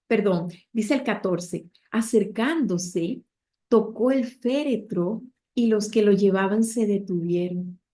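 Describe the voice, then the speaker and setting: A woman's voice: mid-range voice, dark tone. A woman preacher retelling a Bible story with heartfelt emotion, speaking directly to her listeners.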